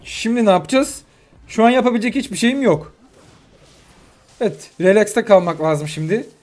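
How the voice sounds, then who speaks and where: A young man giving live commentary on his own mobile game matches, excitable and quick to vent frustration at his opponents. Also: high-pitched. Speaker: gaming YouTuber. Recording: faint music behind.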